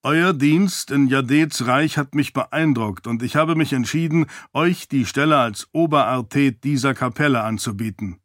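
A man voicing a stern, ambitious male high priest in an audiobook, speaking in a commanding, formal way. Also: moderate pace, few pauses, fairly bright tone, no room sound, clean studio sound, close to an everyday voice.

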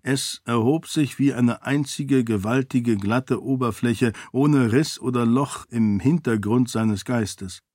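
A man narrating an audiobook in a measured, even reading style. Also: mid-range voice, no echo, clean studio sound. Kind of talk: scripted narration.

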